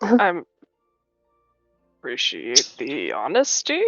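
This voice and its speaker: A woman's voice: rumbling low, huge pitch swings, slow, fairly bright tone, no room sound. A woman playing a tabletop role-playing game, sounding exasperated and fretful. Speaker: player. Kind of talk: tabletop role-play banter. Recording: dull lo-fi audio with faint music.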